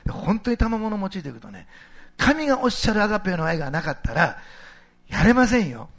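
A middle-aged male pastor giving a sermon in a conversational, animated way, posing rhetorical questions to the congregation. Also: high voice, fast talker.

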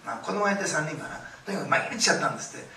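A middle-aged man preaching a sermon, telling stories with lively acted-out quotes, in a church hall. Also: fairly high pitch, rapid-fire, creaky, slight background noise. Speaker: pastor. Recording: echoey room, distant mic, faint ambience.

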